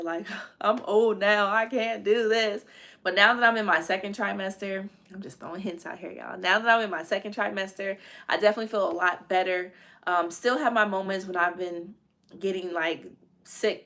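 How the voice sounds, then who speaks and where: A woman in her thirties talks casually to her live-stream viewers. She is chatty and animated, often breaking into the voices of her family as she tells the story. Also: mid-range voice. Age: 30s. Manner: chatty, animated, acts out family members' lines. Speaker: vlogger.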